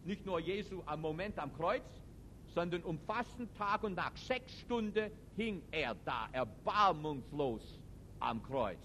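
A man preaching a sermon to a live audience. He speaks emphatically, with non-native German grammar, and moves between loud outbursts and quiet reflection. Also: a little high, lively intonation, takes it slowly, a little hiss or hum. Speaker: preacher and teacher.

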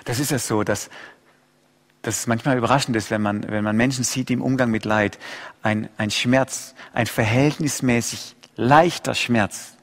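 A male pastor preaching an impassioned sermon, swinging between loud outcries and hushed low asides. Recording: long hall reverb.

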